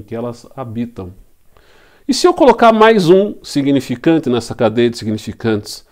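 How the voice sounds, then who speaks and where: A man with a Brazilian Portuguese accent delivers a recorded lecture at a mid-range pitch. He works through each point patiently, asks rhetorical questions and answers them himself, and comes back to the same key terms again and again. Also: darkish tone. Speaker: law lecturer.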